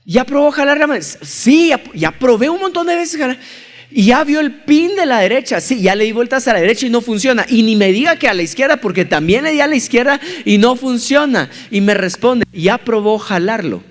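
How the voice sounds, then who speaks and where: Male pastor, high-pitched, lively storytelling sermon, long hall reverb. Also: brisk. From Colombia. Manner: animated storyteller acting out scenes. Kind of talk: sermon with humorous personal story.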